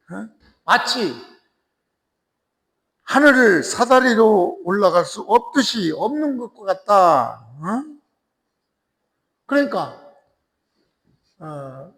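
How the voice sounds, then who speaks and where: Slow high-voiced male lecturer in an echoey hall. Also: a bit bright. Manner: checks in with listeners using frequent tag questions; slow and deliberate, repeating and restarting phrases. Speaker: lecturer on classical texts. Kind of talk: lecture explaining a classical text.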